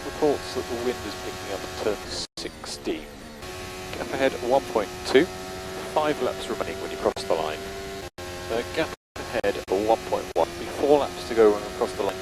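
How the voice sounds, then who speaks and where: Over music, a race engineer speaks on team radio in a fairly low, animated voice at a moderate pace, giving clipped, matter-of-fact updates. The transmission is noisy, with car noise coming through.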